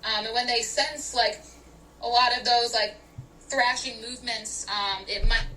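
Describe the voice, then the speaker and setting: A young woman in casual podcast chat, animated and laughing often, with lots of fillers. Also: on the high side, a little slow, slight background noise, low-quality recording.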